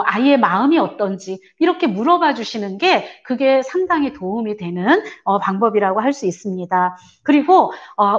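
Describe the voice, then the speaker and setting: A woman teaches a parenting seminar in an earnest, explaining way, filling her pauses with little sounds. Her voice sits a little high and swings widely in pitch. The recording is dull and lo-fi. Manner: earnest, explaining, many fillers; acts out parents' lines in a raised voice. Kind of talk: church parent seminar lecture.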